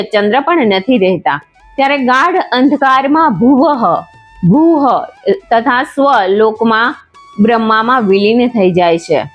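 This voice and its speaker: Woman, devotional scripture narration, measured steady delivery, fairly high voice, faint music underneath.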